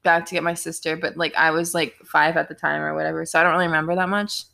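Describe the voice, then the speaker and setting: Woman, 20s, podcast co-host; bright, tense tone, hesitant delivery. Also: sits low, little pitch movement, fast, vocal fry. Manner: hesitant, many ums and restarts. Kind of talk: casual chat.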